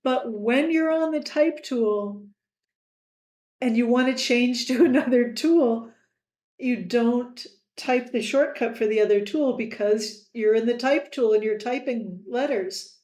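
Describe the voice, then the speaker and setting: Lady walking you thru software, slow and mellow, kinda roomy sound. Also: a little high. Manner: slow, friendly quiz-style asides. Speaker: software tutor. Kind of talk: screen-recorded tutorial.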